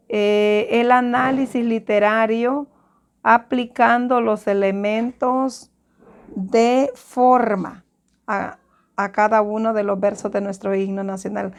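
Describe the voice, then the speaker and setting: A woman teacher from Honduras giving a recorded lesson to students, explaining slowly and stopping to correct herself. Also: fairly high pitch, creaky. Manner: slow, explanatory, repeats and self-corrects.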